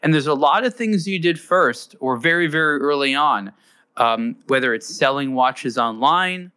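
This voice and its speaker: Bright-voiced male podcast host. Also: a little high, lively intonation, moderate pace, clean tone. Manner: chatty, repeats words when starting. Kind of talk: casual interview.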